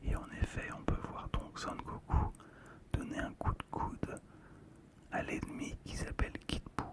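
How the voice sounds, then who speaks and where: Soft and slow, the whispered narration comes from an ASMR host showing collectibles and commenting on them. The voice is hushed all along.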